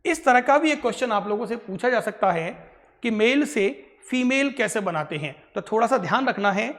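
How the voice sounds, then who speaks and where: A man's voice: sits high, animated, moderate pace, a bit bright, long reverb tail. A male English grammar teacher gives a classroom lecture in Hindi mixed with English. He keeps repeating answers and checking in with short tag questions. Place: coaching classroom.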